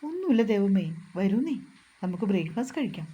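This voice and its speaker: A woman voicing a feisty, sharp-tongued young wife in a storybook reading, answering back with quick, indignant retorts. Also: medium pitch, very animated, breathy edge, lo-fi sound. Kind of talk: storybook narration.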